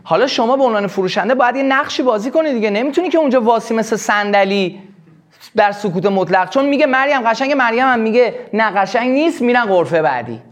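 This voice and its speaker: A man teaching a live sales workshop, explaining with quick acted examples. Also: high voice, expressive. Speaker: sales trainer.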